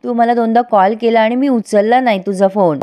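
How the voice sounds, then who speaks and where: A loving older mother-in-law speaks gently and slowly, giving tender advice, as a woman storyteller voices her. It stays close to the storyteller's own voice. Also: on the high side, steady tone, lightly acted.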